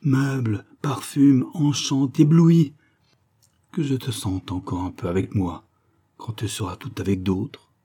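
A man's voice: medium pitch, takes it slowly, mellow, breathy edge. A man voicing a feverish dying poet who passionately implores his lover in an audiobook story. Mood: pleading. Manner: impassioned, imploring.

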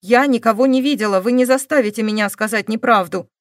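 A woman's voice: fairly high pitch, fast, no room sound, clean studio sound, natural voice. A woman voicing a sullen, defiant young woman who answers questioning with curt, stubborn denials.

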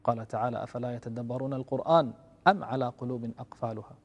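A man giving a religious lecture in an earnest way, dropping to soft, low passages and rising to loud, emphatic stresses. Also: steady tone, rapid-fire, husky, in a large hall. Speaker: Islamic lecturer.

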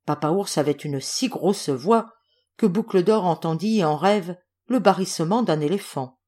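A woman reading a fairy tale aloud as an audiobook, expressive storytelling. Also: fairly low pitch, a little slow. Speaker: audiobook reader.

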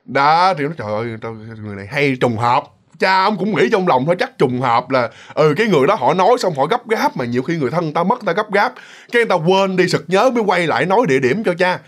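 A man's voice: high-pitched, animated, fast talker. Man; casual, rambling ghost-story narrator. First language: Vietnamese. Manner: chatty, many fillers and restarts.

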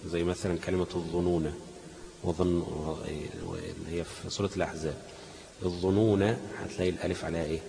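Deep-voiced Egyptian man, quick classroom teacher, quizzing students, echoey hall. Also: flat delivery, gravelly, background noise. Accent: Egyptian Arabic. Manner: asks leading questions and lets students finish the answer. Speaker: Quran recitation teacher. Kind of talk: classroom lesson with questions to students.

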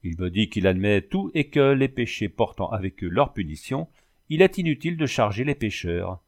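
A tipsy, pompous village mayor, as a man reads him aloud, chatty and pleased with himself. The voice sits fairly low and talks in a folksy, storybook manner. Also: very animated, normal speed. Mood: boastful. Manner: chatty, self-satisfied, folksy.

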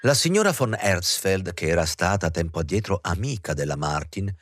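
A man giving an expressive, theatrical audiobook reading of a novel. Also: low-pitched, normal speed, no room sound, studio quality, faint music behind. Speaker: audiobook reader. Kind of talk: literary audiobook narration.

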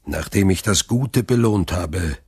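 The Count of Monte Cristo, as a storybook narrator puts him on, solemn and secretive. He murmurs slowly in a low, husky voice, close and dry. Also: animated, no echo, heavily acted. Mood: solemn, hushed. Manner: slow, low, hushed murmuring. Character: mysterious noble man, avenger, solemn.

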